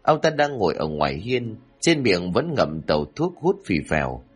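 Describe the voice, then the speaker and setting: A man narrating a folk story for an audiobook, measured and expressive. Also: fairly low pitch, slightly rough, soft background music.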